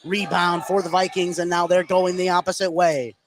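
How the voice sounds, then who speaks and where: Over music, a man calls live radio play-by-play of a high school basketball game at normal speed, his energy lifting with the action.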